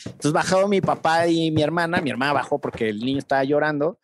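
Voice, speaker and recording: A man with a Mexican accent telling a comic anecdote in casual chat, animated and quick to laugh. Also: fairly high pitch. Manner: animated, laughs often, acts out voices in anecdotes. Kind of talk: casual comedic storytelling.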